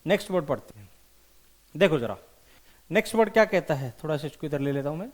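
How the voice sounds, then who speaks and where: A man teaching English vocabulary for competitive exams, animated and repeating key words slowly for emphasis. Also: a little high. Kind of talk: vocabulary lesson with memory tricks.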